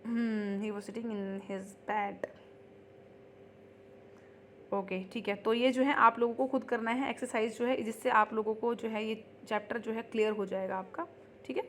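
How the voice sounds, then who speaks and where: Lady teacher with a slightly high voice going through grammar step by step, reads examples out slow, faint hiss behind. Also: fairly even intonation, fairly bright tone. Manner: explains patiently in Hindi, reads English examples slowly; repeats ठीक है as a check-in. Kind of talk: recorded online grammar lesson.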